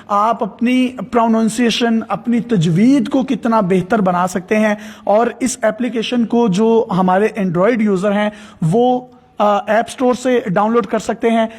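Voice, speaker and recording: A man's voice: sits high, a little mellow. A man hosting an interview, explaining an app step by step in devout phrasing. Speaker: host.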